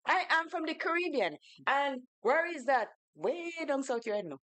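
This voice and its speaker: Grenadian woman radio co-host, animated storyteller, dry close sound. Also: sits high, moderate pace, dry recording. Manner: animated storyteller, acts out quoted voices. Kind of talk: casual radio talk with storytelling. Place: radio studio.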